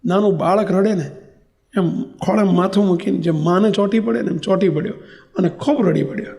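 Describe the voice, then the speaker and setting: A man's voice: sits high, a little fast, creaky, darkish tone. A man with a Gujarati accent who is a monk preacher, telling a story in a sermon and acting out the dialogue.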